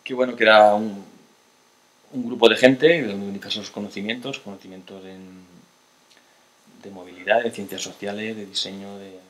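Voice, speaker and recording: Seated at a table in a lecture hall, a man from Spain gives a lecture through a stand-mounted table mic. His lowish voice is steady and fairly bright at a normal pace, and his delivery is hesitant, full of restarts and tag questions.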